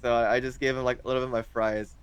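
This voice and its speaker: A man's voice: medium pitch, flat delivery, fast, clear, resonant tone. A young man in his twenties, chatting casually as an interview guest, hesitant and full of fillers. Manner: hesitant, rambling with many fillers.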